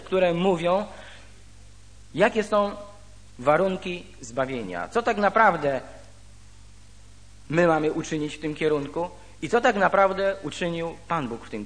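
A man preaching a sermon. He reads scripture aloud and then explains it slowly, with pauses. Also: fairly high pitch, expressive. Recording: reverberant hall.

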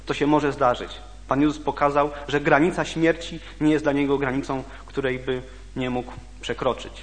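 A man gives a sermon, reading a passage aloud and then reflecting on it at a mid-range pitch. He talks haltingly, often restarting and repeating words. His voice carries a long reverb from a hall. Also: steady tone, a little hiss or hum. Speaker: preacher.

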